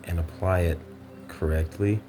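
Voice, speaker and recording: A man with an extremely low voice leads a meditation in measured, instructional phrases. His intonation is fairly flat, and he pauses between short phrases while music plays clearly behind him.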